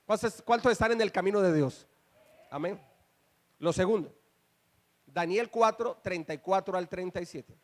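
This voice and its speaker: This pastor has a high voice, speaks at normal speed, and pauses often as he delivers his sermon in church. Emphatic throughout, he poses rhetorical questions to the congregation and asks them to respond and say his words back.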